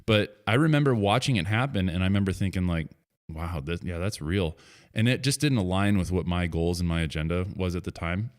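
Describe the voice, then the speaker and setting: A man in his thirties with a very low, deep voice hosts a podcast conversation. He talks casually and loosely, circling back with fillers like "you know" and restarting his sentences. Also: a little fast. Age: 30s. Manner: rambling, many fillers and restarts. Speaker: podcast host. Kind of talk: casual interview chat.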